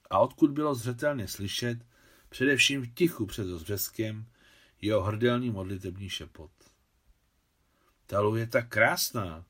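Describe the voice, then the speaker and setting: A man narrating a novel, reading the dialogue lines in a higher voice for the women. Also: a bit bright. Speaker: audiobook narrator.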